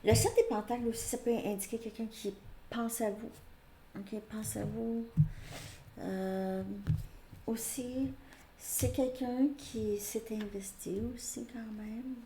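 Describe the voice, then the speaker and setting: A woman's voice: fairly high pitch, fairly even intonation, slow, warm tone. A woman with a Québécois French accent giving a casual, rambling tarot reading, thinking aloud with many fillers. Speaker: tarot reader. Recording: echoey room with faint noise.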